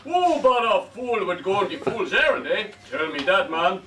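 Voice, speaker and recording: A man's voice: high voice, sing-song, moderate pace, crowd noise. A man playing a shifty, muddled comic witch doctor, hammy and defensive, in an amateur stage pantomime. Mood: musing. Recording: echoey stage, distant mic, noise.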